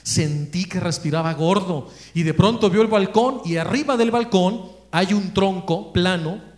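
A high-pitched man with a Mexican accent tells a story during a religious talk, lively and animated. He acts out the voices of the people in his story. The recording has a roomy echo. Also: unhurried. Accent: Mexican Spanish.

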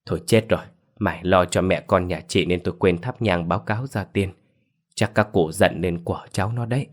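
A man voicing a frantic old grandmother who shouts and wails in despair, in a spoken ghost story. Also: a little fast. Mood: worried. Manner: shrill, shouting, lamenting.

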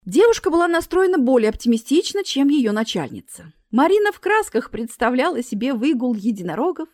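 A woman reading a humorous story aloud in a wry, expressive storytelling manner. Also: fairly high pitch, dry recording, studio quality. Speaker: narrator. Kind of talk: storybook narration.

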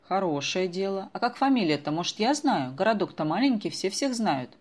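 A woman's voice: medium pitch, very animated, fairly quick, a little mellow. A woman voicing a chatty, kindly old village woman in an audiobook, with a folksy, sing-song way of talking. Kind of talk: audiobook character voice.

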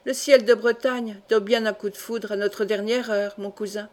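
A woman's voice: mid-range voice, level tone, moderate pace, lightly acted. A woman reading the part of a proud, grieving old count in a solemn, grave tone.

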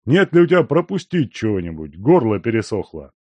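A man voicing a hoarse, blunt old gray-haired male gold miner who talks coarsely and teases. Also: on the low side, big pitch swings, brisk, darkish tone, no room sound. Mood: gruff.

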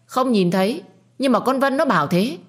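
A woman's voice: lowish voice, big pitch swings, moderate pace. A woman voicing a domineering middle-aged mother in a storybook reading, harsh and scolding. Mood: defensive. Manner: scolding, shouting.

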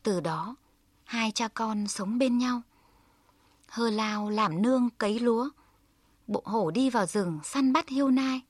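A woman narrating a folk tale in a calm, measured storytelling manner. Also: a little high, no room sound.

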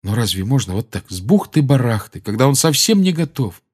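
A man's voice: medium pitch, sing-song, fairly quick, a little mellow, slightly rough. Dramatic male audiobook narrator. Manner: dramatic, rising and dropping with the tension.

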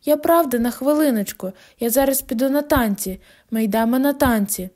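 A woman's voice: high-pitched, brisk, lightly acted. A woman doing a giddy tipsy teenage girl. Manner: loud, giggly, pleading. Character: tipsy, giddy sixteen-year-old girl, clingy and restless. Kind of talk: audiobook character voice.

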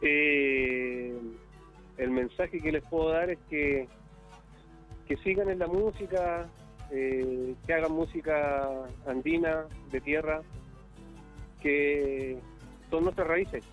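A man from northern Chile with a Chilean accent, a musician calling in as a guest, chatting casually with pauses and fillers over a bad internet connection that keeps cutting out. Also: on the high side. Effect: choppy internet call audio that cuts out. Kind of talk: casual chat over a call. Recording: tinny phone-like call line with faint music.

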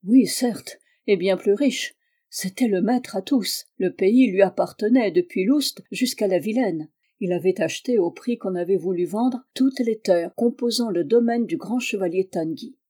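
A woman reads a classic novel aloud, measured and even in her storytelling. Her voice is mellow and warm. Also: medium pitch. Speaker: audiobook reader.

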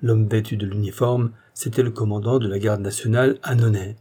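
Male audiobook narrator, mellow low voice, dramatic reading. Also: a little fast, breathy edge. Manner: steady, dramatic storytelling. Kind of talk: scripted narration.

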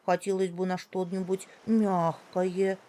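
A woman voicing a timid, shy baby elephant boy who speaks slowly with sighs. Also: on the low side, flat delivery, warm tone, natural voice. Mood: shy, worried. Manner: slow, sighing, drawn-out.

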